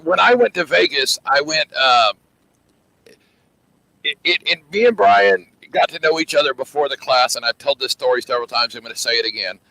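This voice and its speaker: A man's voice: mid-range voice, normal speed, no echo, low-quality recording. A man hosting a casual racing chat, telling stories and acting out quoted lines. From western United States. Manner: animated storyteller, acts out quotes. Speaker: host.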